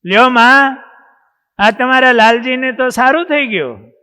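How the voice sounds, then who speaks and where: Brief: compassionate male deity, voiced by a preacher; soothing, bright and clear. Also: very high-pitched, a little slow, voice pushed up, exaggerated voice. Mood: reassuring. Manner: soothing, reassuring. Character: calm, compassionate divine lord, male. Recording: long hall reverb.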